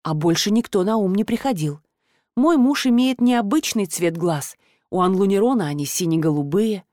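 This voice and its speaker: Female audiobook narrator, reflective first-person read, medium pitch, dry close sound. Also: animated, moderate pace, mellow, no echo.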